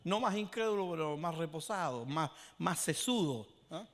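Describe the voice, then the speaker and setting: High-voiced pastor preaching in a church hall. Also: male voice, expressive, normal speed. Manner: dramatic retelling with acted quotes, rising to shouts. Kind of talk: sermon. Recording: long hall reverb.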